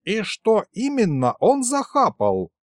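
A man's voice: high-pitched, huge pitch swings, slow pace, dry recording, clean studio sound, voice pushed up, exaggerated voice. A man voicing a greedy, nosy old grandfather who perks up at talk of gold. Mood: eager. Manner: nosy and eager.

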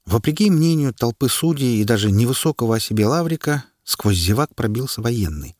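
A man narrating an audiobook in a lively, expressive way. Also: mid-range voice, fairly quick, dry recording, studio quality. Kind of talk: scripted narration.

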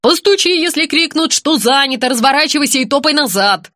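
A woman's voice: on the high side, animated, normal speed, fairly bright tone, no room sound, studio quality. A woman playing a bossy, impatient film director. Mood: commanding. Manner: commanding, exasperated.

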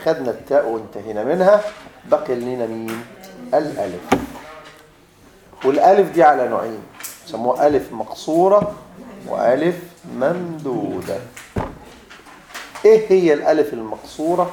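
Egyptian grammar teacher in an echoey classroom. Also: male voice, medium pitch, expressive, moderate pace, long pauses, dark tone, a little hiss or hum. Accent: Egyptian Arabic. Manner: quizzes students, repeats points, teasing asides. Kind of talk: classroom lecture. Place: classroom with students.

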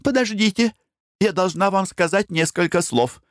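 A man's voice: high voice, normal speed, no echo, studio quality, pitched above the performer's own voice, natural voice. A man voicing a spoiled, coquettish young woman who speaks in an arch, reproachful way. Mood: coaxing.

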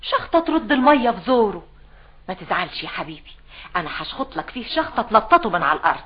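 A woman's voice: fairly high pitch, sing-song, very fast, a crowd in the background. An actress playing a doting, protective Egyptian mother in a TV drama. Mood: tender. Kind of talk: TV drama acting. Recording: dull lo-fi TV soundtrack.

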